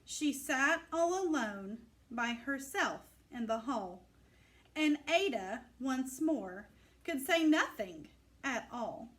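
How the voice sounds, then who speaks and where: Animated woman reading a children's storybook. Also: sits high. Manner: expressive, deliberate, emphatic phrasing for children. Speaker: storybook reader. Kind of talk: animated read-aloud of a rhyming children's picture book.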